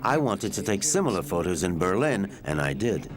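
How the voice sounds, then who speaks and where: A man giving a reflective, expressive first-person voice-over in a documentary. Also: low voice, normal speed. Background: music.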